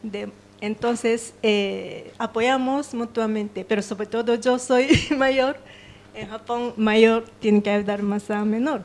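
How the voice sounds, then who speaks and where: A woman from Japan with a Japanese accent speaks halting, non-fluent, informal Spanish as a native Japanese speaker. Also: fairly high pitch, fairly even intonation, a little mellow. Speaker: audience member at a book presentation. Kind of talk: unscripted, informal remarks. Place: live event, passed handheld microphone. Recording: clear room noise and ambience.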